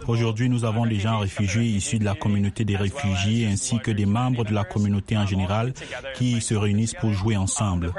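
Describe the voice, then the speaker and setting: A man voicing a translated interview in a level, unhurried read. His voice is low and nearly monotone. A crowd is clearly heard behind him. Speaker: voice-over translator. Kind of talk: translated voice-over. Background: crowd noise.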